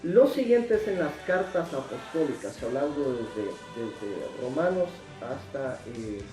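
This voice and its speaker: A male preacher gives an emphatic Bible teaching, his pitch rising and falling in lively swings and his words repeated for stress. His voice is mellow and unhurried. He sounds distant from the mic in an echoey room, with faint music underneath.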